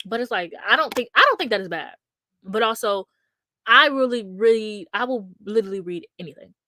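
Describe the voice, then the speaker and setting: A woman's voice: medium pitch, animated, brisk, sharp tone, no room sound. A woman in her twenties chatting casually about books, rambling with frequent restarts and filler words, blunt and candid. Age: 20s. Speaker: streamer host.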